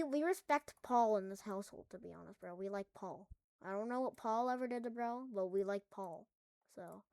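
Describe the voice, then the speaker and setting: A woman's voice: medium pitch, darkish tone, no echo. A woman at home making a casual coding tutorial, rambling through jokey asides as she works. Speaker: tutorial maker.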